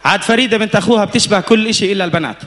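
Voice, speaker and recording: A man with a Levantine Arabic accent performs stand-up in a high voice at a rapid clip. He builds his stories into an escalating comic rant, acting out the dialogue as he goes. The live recording has faint noise behind him. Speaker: stand-up comedian. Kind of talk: stand-up comedy storytelling.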